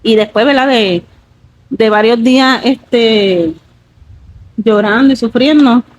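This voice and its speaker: Earnest woman, slightly high voice. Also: steady tone, takes it slowly, muffled recording. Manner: earnest, with many fillers like "pues" and "¿verdad?". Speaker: guest giving a testimony. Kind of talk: emotional personal testimony.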